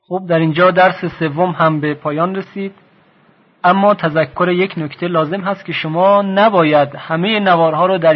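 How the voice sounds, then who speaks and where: A man teaching Quran reading in a taped lesson. He talks slowly and formally and sounds out letters one by one. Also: on the high side. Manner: polite and formal toward listeners. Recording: dull lo-fi cassette tape recording.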